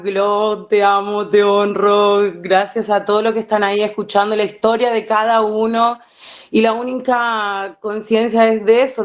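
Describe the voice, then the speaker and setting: Woman, Brazilian accent, Portuguese-Spanish mix, earnest personal sharing, muffled lo-fi call sound. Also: mid-range voice. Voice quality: Spanish mixed with Portuguese words. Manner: reflective, earnest, searching for words.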